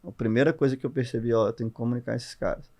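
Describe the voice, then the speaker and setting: A guest entrepreneur with a Brazilian Portuguese accent speaks in a casual podcast conversation. His middle-pitched voice comes out rapid-fire as he tells stories and explains points with animated, expressive energy.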